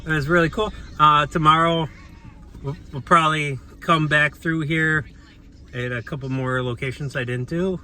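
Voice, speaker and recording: A man's voice: on the high side, fairly even intonation, normal speed, sharp tone. A man chatting casually as a travel vlogger, rambling with many fillers and restarts. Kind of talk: casual vlog chat. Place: outdoors on town streets. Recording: outdoor street noise with passing cars.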